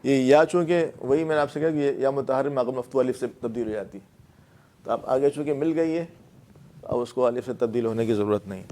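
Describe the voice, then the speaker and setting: A man's voice: medium pitch, warm tone. Patient Urdu-speaking male grammar teacher. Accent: Pakistani Urdu. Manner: explains patiently, repeats words and fillers. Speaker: Quran and Arabic grammar teacher. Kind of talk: classroom lecture.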